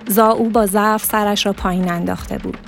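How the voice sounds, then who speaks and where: A woman reading a literary story aloud as narrator, in a steady, measured manner. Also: mid-range voice, vocal fry, a little hiss or hum.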